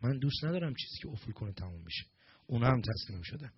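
Here a man preaches through a story, animatedly performing the characters' spoken exchanges. His medium-pitched voice has a breathy edge, captured in lo-fi sound.

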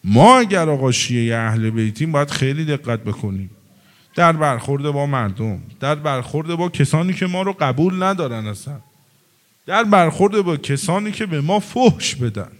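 Man, preacher, sermon storytelling, animated, higher-pitched voice, acts out the characters he quotes.

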